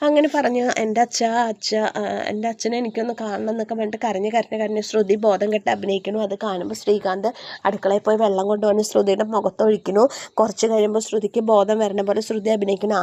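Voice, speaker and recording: A woman's voice: medium pitch, steady tone, quick pace, mellow, no room sound. A woman chattily retelling a TV serial episode, acting out the characters' lines as she goes. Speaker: serial recap narrator.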